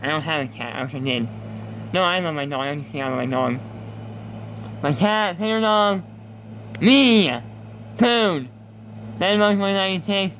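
A man's voice: high-pitched, unhurried, pauses often, a bit bright, slight background noise, poor audio. A man in his twenties, a YouTuber, rambling as he reads game questions aloud and answers them offhandedly. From United States. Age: 20s. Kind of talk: casual gaming commentary.

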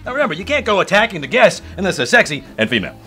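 Guy doing a high, bright, rapid-fire puppet host, bossy and wisecracking. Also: sing-song, soft background music, full character voice. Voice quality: bossy, scolding. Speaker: comedy host. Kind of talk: puppet sketch comedy.

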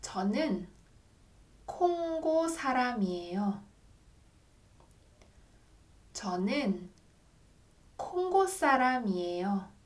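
A young woman leads a language lesson, pronouncing each phrase with great care. She speaks extremely slowly, with a slightly high voice. It sounds like a desk camera in a small room. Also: very animated. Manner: very slow, deliberate model phrases for repeating. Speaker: language teacher. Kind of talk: slow, clearly articulated lesson drills.

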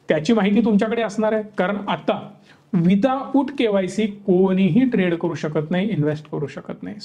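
A young man with a high, mellow voice gives an opinion talk straight to the viewer. He stacks up rhetorical questions and rattles off lists of points, building an argument step by step. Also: highs cut off. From Maharashtra, India. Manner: rhetorical, questioning, listing points in rapid series. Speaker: stock market educator.

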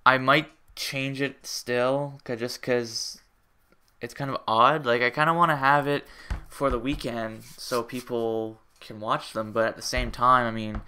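Rambling young man, bright clear voice. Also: medium pitch. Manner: rambling, hesitant, many fillers and restarts. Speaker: gaming channel host. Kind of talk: casual channel update. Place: at home.

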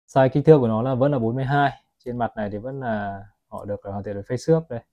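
A man talks quickly through a watch review, chatting straight to his viewers as he films close-ups. His voice sits at a middle pitch. The audio is slightly muffled and lo-fi, as if from a phone. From Vietnam. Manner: chatty, keeps addressing viewers as "các bác". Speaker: watch seller. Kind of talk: product review vlog.

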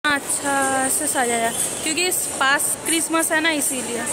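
A woman's voice: sits high, a little slow, over loud music. A woman in her thirties chatting casually to her phone camera while walking through a busy shopping mall. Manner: chatty, calls out to family. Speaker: vlogger. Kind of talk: casual vlog narration. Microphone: phone at arm's length. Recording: loud crowd and noise.

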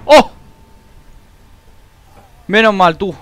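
A man talks over his gameplay, his pitch swinging widely as he jumps into panicked shrieks. A faint noise sits under the recording. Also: drawn-out words. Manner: excitable, shrieks when panicked. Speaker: gaming YouTuber. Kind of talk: let's play commentary.

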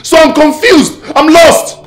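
A frantic, panicky young husband. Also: male voice, very high-pitched, unhurried, soft background music. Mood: distraught. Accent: Nigerian. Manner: overwrought, repetitive pleading. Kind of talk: film comedy acting.

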